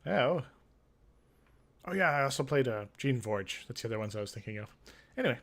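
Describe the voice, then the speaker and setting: A man hosting a gaming video narrates a fantasy game aloud with theatrical flair, breaking off into offhand casual asides. His mid-range voice is expressive, a little fast and a bit bright.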